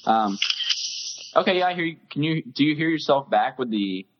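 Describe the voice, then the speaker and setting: A man's voice: a little high, expressive, moderate pace, muffled recording. A man co-hosting a podcast, calling in and heard through an iPad speakerphone, chatty and eager. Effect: heard over an iPad speakerphone call. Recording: echoey speakerphone call.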